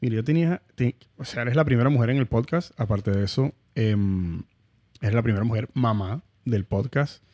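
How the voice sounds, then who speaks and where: A man hosts a podcast conversation, listening closely and asking reflective follow-up questions. His voice is warm and mellow, and it sounds close and dry with no room around it. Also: medium pitch, normal speed, no echo. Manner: attentive interviewer, short affirmations and reflective follow-up questions. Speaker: podcast host. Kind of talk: casual conversational interview.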